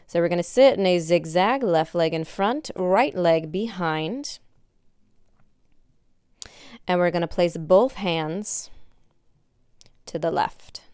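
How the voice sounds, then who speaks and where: Young woman, aerobics instructor, very smooth clear voice, slow pace, encouraging workout cues. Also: on the low side, darkish tone, no echo, clean studio sound. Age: young adult. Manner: encouraging cueing while exercising along. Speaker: fitness instructor. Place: indoor wood-floored exercise studio.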